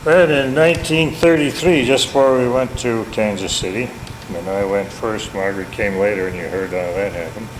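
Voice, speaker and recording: A man's voice: fairly low pitch, normal speed. A man in his seventies with an Upper Midwestern American accent, telling family history informally in a folksy, self-deprecating, wry way. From Minneapolis, United States. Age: 70s. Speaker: family elder recounting memories. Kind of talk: informal oral history reminiscence. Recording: echoey, noisy home tape, background hum.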